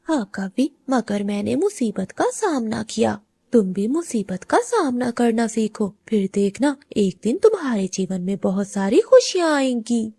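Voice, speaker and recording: A woman voicing a kindly older female aunt bird in a cartoon, gentle and reassuring. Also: fairly high pitch, sing-song, a little slow, breathy edge, dry recording, full character voice. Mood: comforting.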